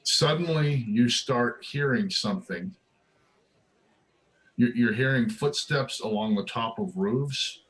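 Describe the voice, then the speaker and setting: A man's voice: mid-range voice, takes it slowly, fairly bright tone, poor audio. Man running a tabletop game. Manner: casual, hums little theme tunes, restarts phrases. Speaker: dungeon master.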